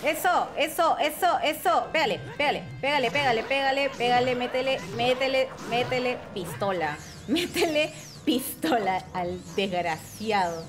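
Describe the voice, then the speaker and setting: A woman commentating her own gameplay, excitable and foul-mouthed, cheering and shouting at the screen. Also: high voice, normal speed. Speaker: gaming channel host. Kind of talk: let's-play commentary. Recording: game music playing under the voice.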